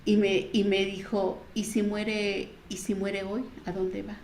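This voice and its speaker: In an echoey room, a middle-aged Mexican woman with a Mexican Spanish accent speaks slowly in a flat, darkish voice. She is a church member giving her personal testimony as a story, acting out the quoted dialogue with jumps in pitch.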